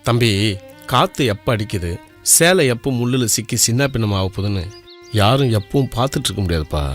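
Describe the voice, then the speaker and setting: An actor plays a calm, wise village elder who lectures at a steady, unhurried pace. His voice sits in a middle pitch. Faint film music plays beneath. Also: close to an everyday voice. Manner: calm, explaining, moralizing.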